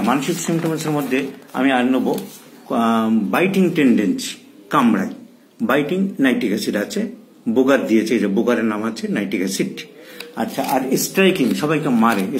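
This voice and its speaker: A man's voice: mid-range voice, slight background noise. A man who is a doctor, teaching case taking in his clinic and thinking aloud as he repeats key terms. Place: clinic consulting room.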